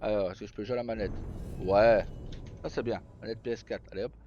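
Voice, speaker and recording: Speaking quickly in a warm, lowish voice with a steady tone, this male streamer talks off the cuff to his audience in short, fragmented bursts full of slang and swearing. Faint game music plays under a dull, roomy recording, and there's slight background noise.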